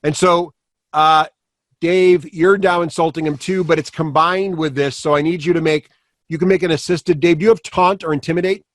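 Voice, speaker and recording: A man running a tabletop game as game master, relaxed and laughing easily as he gives rulings. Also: a little high, moderate pace, dry recording, clean studio sound.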